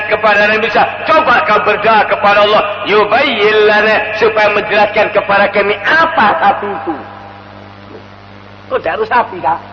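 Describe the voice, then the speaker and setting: A male Islamic preacher with a high voice tells stories in a sermon inside an echoing mosque hall, animated in his delivery and chanting Quranic verses slowly. The audio sounds dull.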